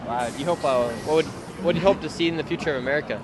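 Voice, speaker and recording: A man interviews strangers live on a city street. He fires off quick, eager questions in a slightly high voice. Loud traffic and street noise surround him.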